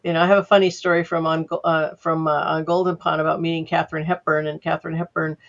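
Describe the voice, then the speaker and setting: A woman's voice: low-pitched, little pitch movement, fast, lo-fi sound. An older woman, a sound editor as podcast guest, telling anecdotes in a chatty way full of fillers. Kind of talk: casual interview storytelling.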